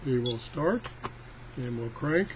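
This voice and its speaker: A product tester presenting a radio review chats casually through a hands-on demo, rambling in a folksy, self-deprecating style. His voice is medium-pitched with lively intonation, and he takes it slowly. The recording is rough, with a little hiss or hum.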